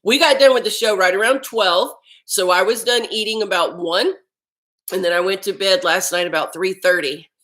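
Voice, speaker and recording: The poor-quality audio captures a health vlog host's fairly bright voice, which leans low. She talks casually on a live stream about eating well while having her lunch at home.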